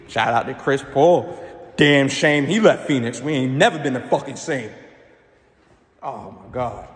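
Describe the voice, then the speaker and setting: A man's voice: mid-range voice, creaky. A man in his twenties vlogging casually in a gym on a phone, rambling and swearing in frustration. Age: 20s. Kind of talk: casual vlog. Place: large indoor gym. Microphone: phone held low at arm's length. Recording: echoey gym room.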